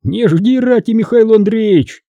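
A bold, loud ex-outlaw who mocks a nobleman and stirs up a crowd, as a male narrator puts him on. The voice sits well above the narrator's own and swings widely, yet stays dark. It is recorded dry and close. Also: high-pitched, sing-song, normal speed, no echo, pitched above the performer's own voice, exaggerated voice. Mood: mocking. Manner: blustering, shouting and mocking. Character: bold gruff former outlaw, boastful commoner man. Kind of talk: audiobook character voicing.

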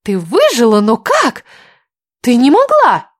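A woman voicing a spiteful young female rival who shouts her accusations. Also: huge pitch swings, slow, dry recording, studio quality, exaggerated voice. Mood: shrill. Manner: shrill, shouting.

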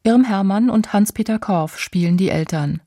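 A woman narrating a radio feature in an even, informative manner. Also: mid-range voice, moderate pace, dry recording. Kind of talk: scripted narration.

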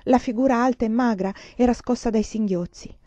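A woman reading a novel aloud in an expressive, measured audiobook narration. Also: a little high, dry recording. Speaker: reader. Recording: dull, lo-fi recording.

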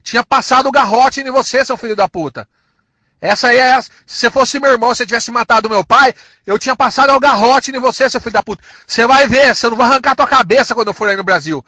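In an angry outburst, a man from São Paulo, Brazil, insults his target and keeps repeating drawn-out threats in São Paulo-accented Portuguese. He sounds very high-pitched, bright, and forceful. The recording is dry.

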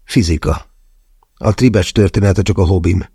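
A man voicing a gruff, rough-mannered male teacher in an audiobook, with a curt, reluctant manner. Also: sits low, mellow, no room sound, studio quality, full character voice.

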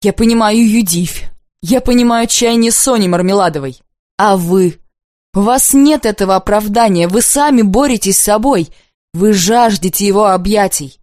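A woman reading the lines of a proud, bitter unmarried woman in an audiobook, intense and accusing, often slow and heavy. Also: mid-range voice, a little mellow, dry recording, clean studio sound, lightly acted. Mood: furious.

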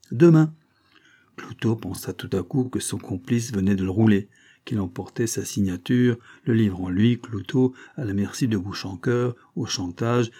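A man reading a novel aloud as narrator, in steady, measured storytelling. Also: mid-range voice. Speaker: audiobook reader. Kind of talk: scripted narration.

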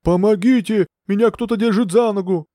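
Male reader as a drowning theatre director, panicked, high choking cries. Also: brisk, mellow, no echo, studio quality, close to an everyday voice. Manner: desperate choking cries for help. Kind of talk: audiobook character voice.

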